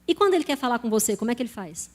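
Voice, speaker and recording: A woman's voice: a little high, very animated, rapid-fire, darkish tone. Brazilian woman preaching a testimony sermon. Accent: Brazilian Portuguese. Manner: conversational, addresses congregation directly.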